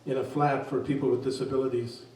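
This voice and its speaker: A man reading his poems aloud at a reading event, in a slow, measured voice. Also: medium pitch, flat delivery, a little mellow. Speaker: poet reading his work. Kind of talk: poetry reading. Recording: very echoey room, distant mic.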